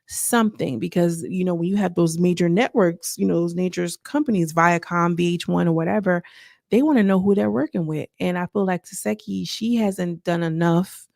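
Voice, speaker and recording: Low gravelly woman spilling tea on a reality show, talks right at y'all, dry close sound. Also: normal speed, a little mellow, no echo. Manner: chatty, addresses audience as y'all and girl, trailing restarts. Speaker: reality TV recap commentator. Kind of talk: casual gossipy chat to viewers.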